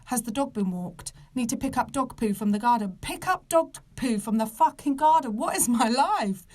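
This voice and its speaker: A British woman of about thirty with soft R sounds, ranting casually and comically to a live online audience in an exasperated, emphatic, sweary manner. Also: on the high side, animated, normal speed. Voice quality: soft, non-rolled R sounds. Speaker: podcast host.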